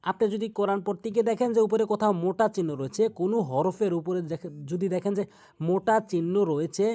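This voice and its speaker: A man with a Bangladeshi Bengali accent teaching Quran recitation, explaining pronunciation step by step and repeating sounds slowly. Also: high-pitched, warm tone.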